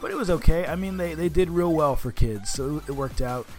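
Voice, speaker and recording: A man's voice: on the high side, brisk, a little mellow, faint music behind. A man co-hosting a podcast in casual, enthusiastic chat, talking like he is with a buddy. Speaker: podcast co-host.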